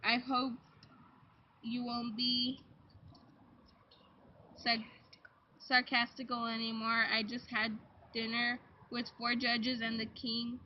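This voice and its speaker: A woman playing a self-important, defiant young servant girl in an amateur sock puppet play, declaiming haltingly. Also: on the high side, level tone. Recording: dull, noisy lo-fi home recording.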